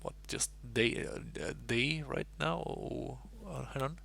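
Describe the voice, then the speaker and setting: A Russian-born man talks in a heavily gravelly, fry-laden voice. He chats on a live stream in a loose, rambling way, thinking aloud over chess puzzles into a desk mic. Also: mid-range voice, measured pace, a bit bright. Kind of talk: casual live-stream chat.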